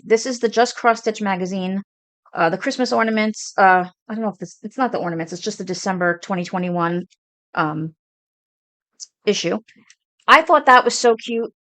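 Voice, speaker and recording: A woman's voice: mid-range voice, a bit bright, dry recording. A woman in her forties with a Brooklyn accent, chatting casually and a little rambling as she shows her cross stitch projects on her home video channel. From Brooklyn, New York. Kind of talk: casual show-and-tell chat.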